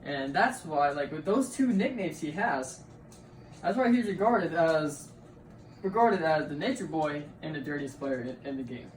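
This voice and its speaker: A young man gives a class presentation speech, halting and repeating himself as he talks. He sounds distant from the mic, and the room rings with echo. A steady hum of noise sits behind his voice. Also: on the high side. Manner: halting, often repeats words and leans on "like".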